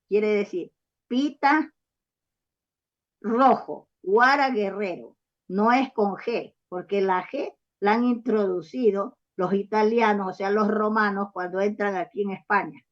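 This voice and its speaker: A woman author speaks slowly in a mid-range voice, giving long, meandering interview answers full of false starts and hesitations. She keeps checking in with "¿sabes?" and "¿ah?", and the recording is dull and lo-fi.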